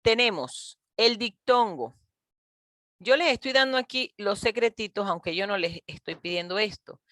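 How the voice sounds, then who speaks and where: A patient woman teacher walks her young pupils through a grammar lesson over a video call, often pausing to check they follow. Her voice sits at an ordinary middle pitch. The sound is dry and close, with no room around it. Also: animated, a bit bright, no room sound. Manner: patient, calls pupils "mis niños" and "chicos", often checks with "¿ok?". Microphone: computer mic on a video call.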